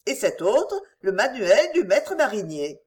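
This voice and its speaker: An earnest young daughter, as a woman narrator voices her, calm and self-assured as she explains herself. Her lines move through a lively, animated melody. A storybook heroine with a matter-of-fact certainty. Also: fairly high pitch, a little slow. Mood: enthusiastic.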